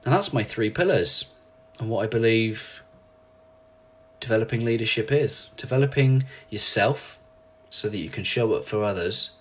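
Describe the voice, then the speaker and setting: A man speaking as a leadership coach in an animated, ranting motivational monologue, acting out quotes in lively voices. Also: lowish voice, moderate pace, breathy edge.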